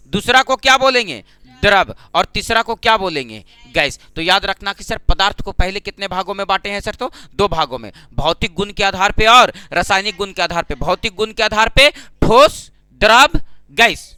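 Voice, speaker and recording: A man's voice: high-pitched, sharp tone, clear, resonant tone, dry recording. A man teaching an exam-prep lesson, who asks his own questions and answers them, repeating key terms. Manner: calls students "sir" and "babu". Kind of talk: exam-prep classroom lecture.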